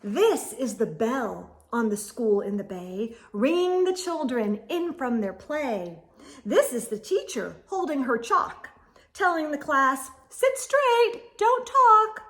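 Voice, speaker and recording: Female children's storyteller, high voice, unhurried, dramatic read-aloud, swooping expressive intonation. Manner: dramatic, drops into whispers, addresses young listeners.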